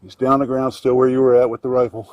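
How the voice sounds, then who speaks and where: A man's voice: medium pitch, little pitch movement, quick pace, dull audio, crowd noise. A man working as a law enforcement officer, speaking urgently in clipped questions and commands over a two-way emergency radio. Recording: very noisy police scanner radio with clicks.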